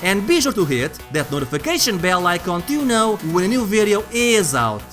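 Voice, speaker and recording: A man's voice: sits high, big pitch swings, moderate pace, a bit bright. A man narrating a scripted video game review as its host, conversational and wry. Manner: conversational, wry, jokey asides. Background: background music.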